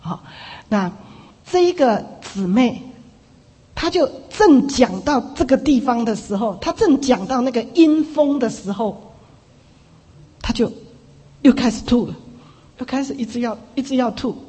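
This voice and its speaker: A woman preacher telling a testimony in an animated way, dropping little "ha" fillers. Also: fairly high pitch, a little slow, long pauses, breathy edge. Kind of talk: sermon testimony storytelling. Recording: long reverb in a big hall.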